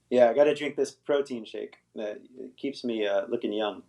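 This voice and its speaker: This Los Angeles-based middle-aged man speaks in an unhurried, mellow, mid-range voice while hosting an English-teaching livestream. Casual and rambling with viewers, he often finishes points with "right?"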